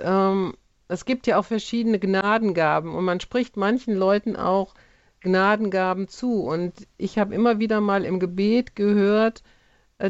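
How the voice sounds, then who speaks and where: A woman's voice: mid-range voice, no room sound. A middle-aged woman, a physician, earnestly telling personal faith stories in an interview, with many fillers. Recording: dull, muffled, dry sound.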